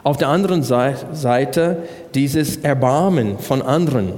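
A man's voice: mid-range voice, lively intonation, unhurried, darkish tone. A man preaching a sermon, working through Bible verses and asking the congregation rhetorical questions. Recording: long hall reverb.

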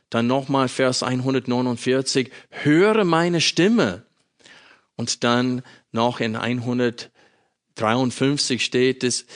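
Male preacher, unhurried sermon delivery, measured pauses, plain mid-range voice. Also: mid-range voice. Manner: slow, measured reading with emphatic pauses. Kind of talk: sermon with scripture reading.

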